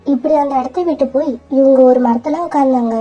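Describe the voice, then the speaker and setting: A woman's voice: high-pitched, fairly even intonation, quick pace, highs cut off, music in the background. A woman narrating a children's cartoon story in a plain storytelling way.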